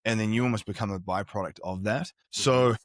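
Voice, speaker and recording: Here a middle-aged performance strategist with a New Zealand accent guests on a candid podcast interview, telling his life story with earnest reflection. He talks a little fast in a lowish voice, recorded dry at studio quality.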